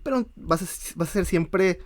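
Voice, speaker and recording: A man's voice: high-pitched, moderate pace. A man with a Mexican accent, co-hosting a casual podcast chat and often restarting his sentences as he thinks aloud. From northern Mexico. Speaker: podcast co-host.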